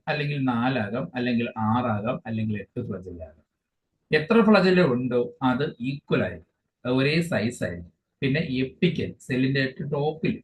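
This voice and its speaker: A man teaching an exam-focused biology lesson, explaining each English term again in his own words and often pausing mid-phrase. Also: medium pitch. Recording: dull lo-fi sound with faint hiss.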